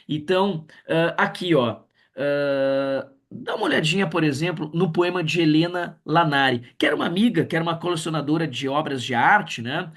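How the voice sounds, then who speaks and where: A man teaches a literature class in a livestream, with a voice pitched a little high for a man. He talks in an animated way, reads poems aloud with feeling and keeps checking in with his students. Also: normal speed. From Brazil.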